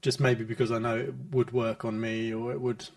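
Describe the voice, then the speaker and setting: British bloke just chatting, normal pitched voice, kinda rambles and hesitates. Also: male voice, flat delivery, moderate pace, a little mellow. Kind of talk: casual chat.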